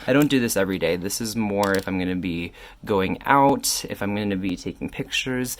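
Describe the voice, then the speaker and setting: A man giving a casual makeup tutorial while tipsy from wine, candid and cheeky, rambling and correcting himself as he goes. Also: on the low side. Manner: rambling, self-correcting, loses train of thought. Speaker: makeup reviewer.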